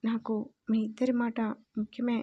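A woman's voice: on the high side, flat delivery, moderate pace, dark tone, slightly rough, dull audio. A woman voicing a timid, tearful young wife who pleads earnestly in a storybook reading. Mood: pleading.

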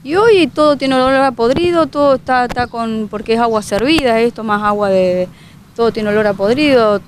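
A woman's voice: a little high, normal speed, slight background noise. A woman, a local resident telling a news reporter about her flooded home outdoors, speaking in fragmented, emotional bursts with many restarts. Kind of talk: street news interview.

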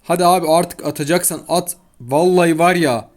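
At a moderate pace and fairly high pitch, a young man hosts his gaming channel, chatting casually over his play. He's often annoyed, grumbling in slang. Outside the open window of his home recording room, a child can be heard.

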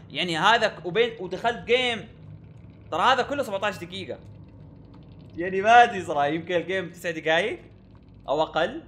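A man's voice: sits high, sharp tone, a little hiss or hum. A young man giving gameplay commentary, exasperated and repeating himself with frequent oaths. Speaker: gaming YouTuber.

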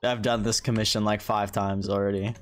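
Talking a little fast in a lowish, level voice, this young American man streams a video game and comments casually with plenty of slang. There's slight hiss or hum on the recording, and game music plays in his indoor streaming room with a webcam.

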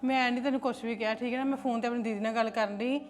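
A woman's voice: a little high, fairly even intonation, rapid-fire, soft background music, lightly acted. A woman playing a chatty, defensive elder sister-in-law in a family drama.

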